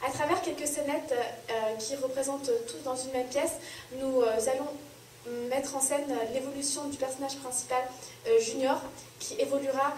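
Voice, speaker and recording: A woman's voice: sits high, fairly even intonation, moderate pace, a little mellow. A young woman student introducing her group's sketch, hesitating with fillers. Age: young adult. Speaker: student presenter. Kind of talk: project introduction. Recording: echoey room, distant mic, some noise.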